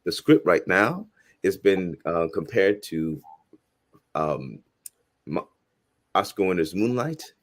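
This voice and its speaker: A man in his forties, originally from Haiti, speaks in a very low voice. He talks earnestly and thoughtfully as an interview guest, often starting a phrase over before finishing it. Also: sing-song, takes it slowly, long pauses. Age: 40s. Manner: earnest, reflective, frequent restarts. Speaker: guest filmmaker and professor. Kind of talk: casual interview conversation.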